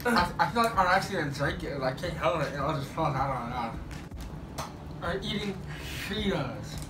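A man's voice: fairly high pitch, lively intonation, normal speed. A young man bantering casually during an eating challenge, talking with his lips stretched wide by a mouth retractor so his consonants slur. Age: young adult. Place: indoor room at a table. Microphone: distant camera. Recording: echoey room, distant mic, noisy background.

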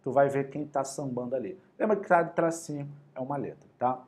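A man with a Carioca accent teaching an energetic online exam-prep math lesson in a lively, slangy, motivational way. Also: mid-range voice, fairly quick. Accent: Carioca Brazilian Portuguese.

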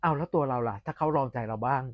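A man giving a casual, candid and opinionated film review in a chatty vlog with pauses, recorded with a dull, lo-fi sound. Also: mid-range voice, no echo.

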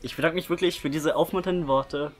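A young man hosts a prank-call video, chatting casually and talking fast in a fairly high, steady voice. He's in a small indoor room with a curtain behind him, and music plays faintly in the background.

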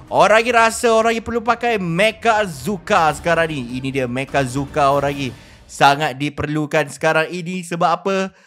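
His voice sits high as this man with a Malaysian accent narrates his gameplay in a video, playing out excited, over-the-top role-play commentary that repeats itself.

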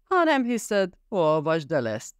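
A man's voice: fairly high pitch, wildly swooping pitch, smooth, no room sound, studio quality, pitched above the performer's own voice. A man voicing a snarling drunk gunman. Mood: drunk raging. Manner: snarling, yelling, slurring threats. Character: drunk violent jealous husband with a gun.

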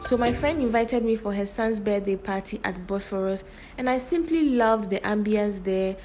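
A woman's voice: mid-range voice, moderate pace, darkish tone. Ghanaian-accented woman narrating over music. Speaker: vlogger. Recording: music behind the voice.

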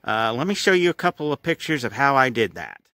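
A man's voice: mid-range voice, very animated, a little fast, sharp tone, no room sound. A man, casually walking viewers through his car restoration in a garage, rambling and folksy.

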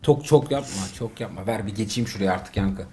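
Excitable man commenting on a game. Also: lowish voice, a little fast, a crowd in the background. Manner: excitable, exasperated, joking. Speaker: father playing a mobile game with his son. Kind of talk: casual gaming commentary.

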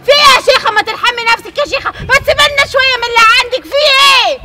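A woman's voice: extremely high pitch, animated, recorded from a distance, a crowd in the background, noisy background. A woman with an Egyptian accent playing a jealous, bitter aunt in a comedy skit. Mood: bitter, tearful. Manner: sharp, resentful, quick-tempered. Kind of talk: comic skit acting.

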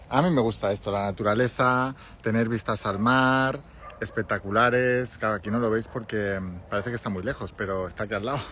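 A man in his forties with a Spanish accent, talking into a phone held at arm's length outdoors, enthusiastically pitching a money mentorship with many tag questions. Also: fairly bright tone, breathy edge. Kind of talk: selling a mentorship on a live stream. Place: outdoors on a hillside with sea views.

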